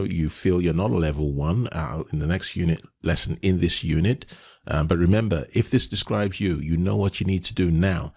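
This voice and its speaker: A man's voice: low-pitched, gravelly, breathy edge. A man coaching business owners in a recorded course lesson, earnest and emphatic, repeating his points with frequent restarts.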